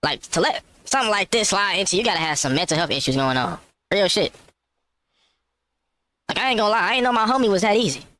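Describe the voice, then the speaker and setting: A man's voice: sits high, expressive, fast talker, long pauses, sharp tone. A man delivering a mock-serious comedy monologue, insisting on absurd claims. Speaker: skit comedian.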